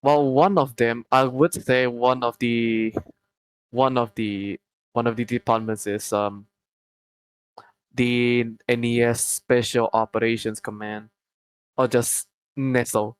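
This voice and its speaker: A man's voice: medium pitch, fairly even intonation, smooth, no room sound, poor audio. A young man talking through casual interview answers in a mid-range voice. He hesitates often, restarting phrases and trailing into fillers. The sound is dry and close, with almost no room around it. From Malaysia. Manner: hesitant, many pauses and restarts. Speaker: group owner answering interview questions.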